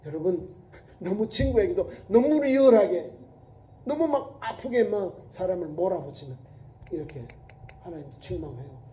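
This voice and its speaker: Korean pastor preaching in an echoey church. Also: male voice, high-pitched, animated, moderate pace, dark tone. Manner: colloquial preaching, voicing biblical speakers in quotes, emphatic repetition. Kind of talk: sermon. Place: church sanctuary.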